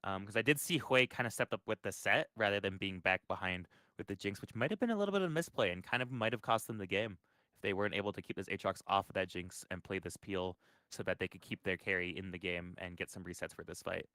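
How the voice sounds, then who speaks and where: A man's voice: sits low, sharp tone, dry recording. A man casting a live esports match, calling plays and breaking down fights. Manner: quick play-by-play, analytical. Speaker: esports caster.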